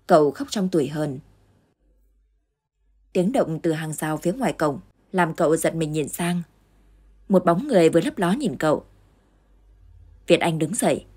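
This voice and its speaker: A woman reading a ghost story aloud as scripted narration, in a steady, dramatic reading. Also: on the low side, husky.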